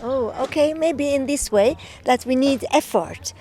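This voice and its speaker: A woman in her seventies, originally from Iran and Italy, talks slowly and haltingly as she searches for words, often breaking into laughter. Her voice sits a little high, and she speaks in a casual outdoor interview. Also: warm tone, a little hiss or hum. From born in Iran, grew up in Italy. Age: 70s. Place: outdoors in a town.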